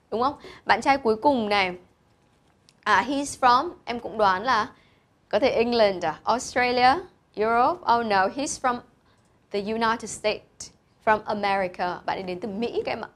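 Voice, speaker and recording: A woman's voice: on the high side, fairly bright tone. A woman teacher, explaining vocabulary to pupils and patiently repeating each word's pronunciation. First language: Vietnamese. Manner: patient, repeats and spells out pronunciation, mixing English words into explanations. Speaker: English teacher.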